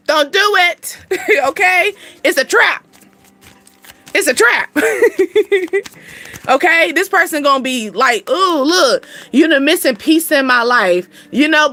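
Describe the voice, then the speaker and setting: A woman's voice: high-pitched, sharp tone, dry recording. A woman hosting a casual card reading for viewers, slangy, blunt and playful, laughing often. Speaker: spiritual card reader and channel host.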